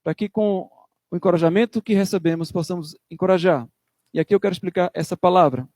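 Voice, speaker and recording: A man's voice: sits high, fast talker, darkish tone, dry recording, clean studio sound. A man preaching a sermon as pastor, emphatic, acting out church members in quotes.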